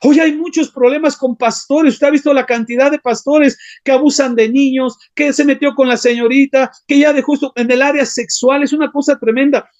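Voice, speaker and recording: Speaking in a very high voice with fairly even intonation, this man preaches briskly with few pauses. He's a pastor giving an impassioned sermon, and he keeps addressing his listeners as brothers.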